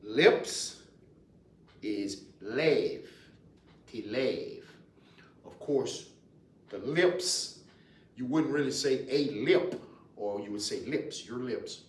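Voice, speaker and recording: A male language teacher with a Louisiana Cajun accent gives an informal lesson indoors in a library, explaining words and repeating them. His medium-pitched, expressive voice comes slowly and deliberately, with hesitant pauses. A distant mic captures a roomy sound with faint noise.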